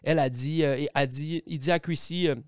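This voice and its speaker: A man with a Quebec French accent on a podcast, chatty and hesitant, throwing in quick questions. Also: a little high, steady tone, smooth, no room sound, studio quality. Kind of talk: casual podcast chat.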